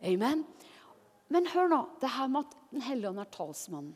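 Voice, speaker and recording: A woman preaching a sermon, lively and emphatic, dropping at times to a soft, low voice. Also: breathy edge. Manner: lively, shifts between loud emphatic and soft low passages. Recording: long hall reverb.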